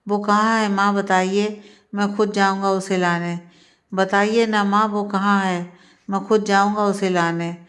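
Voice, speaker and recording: Woman doing a young man, desperate, pleading, repetitive questions, flat even pitch, storybook voice. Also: unhurried, close to an everyday voice.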